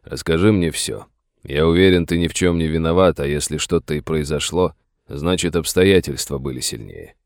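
A man voicing a steady middle-aged sheriff who speaks in a gentle but firm way. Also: very deep voice, normal speed, no room sound, clean studio sound. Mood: calm, firm.

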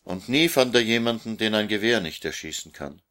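A man reading a children's storybook aloud in a measured way, narrating the story. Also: fairly low pitch, animated, fairly bright tone.

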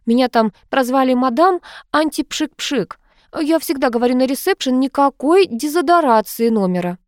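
A woman's voice: high voice, expressive, moderate pace, a little mellow, no echo, studio quality, voice pushed up. A woman voicing a chirpy, fussy wealthy woman, read as part of an audiobook.

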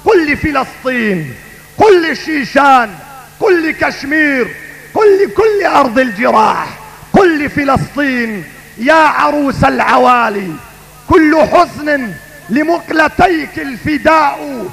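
A man preaching a fiery sermon in a booming, epic, emphatic oratorical style, declaiming lines like heroic poetry. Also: animated, measured pace, gravelly, a bit bright. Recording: long hall reverb.

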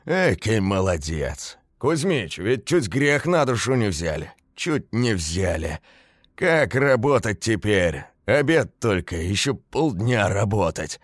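A man voicing a big burly construction worker who yells and scolds gruffly. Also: lowish voice, very animated, slow pace, dry recording, studio quality, pitched above the performer's own voice, heavily acted. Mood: grim grumbling.

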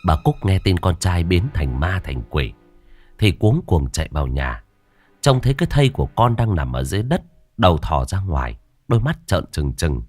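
A man narrating a ghost story in a dramatic, expressive way, voicing every character himself. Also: low-pitched, moderate pace. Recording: dry voice over faint music. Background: faint background music.

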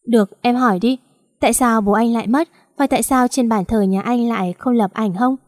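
A woman's voice: on the high side, a little fast, dry recording, studio quality, natural voice. A woman voicing a young man, a heartbroken lover who pleads and cries out in anguish, read in a storytelling voice. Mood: tender.

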